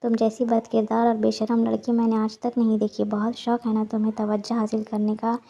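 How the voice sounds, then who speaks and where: A woman's voice: fairly high pitch, monotone, a little fast, vocal fry, mellow, muffled recording. A woman reading a furious, possessive young husband in a storybook romance, with snarling, accusing lines. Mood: enraged.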